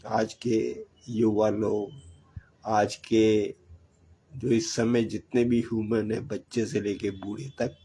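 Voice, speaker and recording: A man's voice: on the low side, mellow, breathy edge, low-quality recording. An older man giving earnest, repetitive advice about saving money. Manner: preachy, repetitive, exhorting. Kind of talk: earnest monologue.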